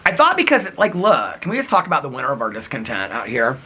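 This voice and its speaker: Here the same windswept, snowy outdoor vlogger talks at a fast clip in a mid-range voice. Husky and crackly, he rambles and giggles, telling stories with plenty of animation in a casual, chatty way.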